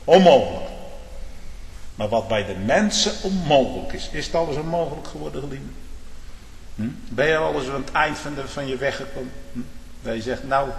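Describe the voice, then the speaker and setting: A male preacher delivering a fiery sermon and prayer in a church, checking in with the congregation and rising to forceful shouting at the peaks. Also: medium pitch, expressive, a little fast. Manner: checks in with the congregation with repeated "hm?" and "hoor"; rises to forceful shouting at climaxes. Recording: reverberant church hall.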